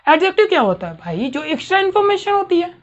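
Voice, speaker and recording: High-voiced woman teaching grammar. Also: very animated, quick pace, highs cut off. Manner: questioning, checks understanding often. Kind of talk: classroom grammar lesson.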